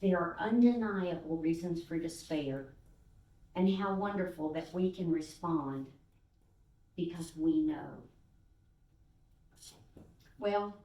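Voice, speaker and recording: An older woman from Texas, a guest speaker giving a sermon, telling stories with fillers and acting out the voices of the people in them. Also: on the low side. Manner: animated storyteller who acts out voices, with fillers. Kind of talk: storytelling sermon. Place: church sanctuary. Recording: roomy sound from a distance.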